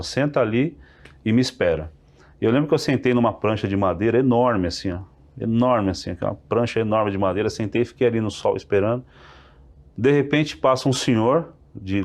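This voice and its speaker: Lowish-voiced man telling a testimony. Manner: animated, acts out dialogue. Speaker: podcast guest. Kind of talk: testimony storytelling.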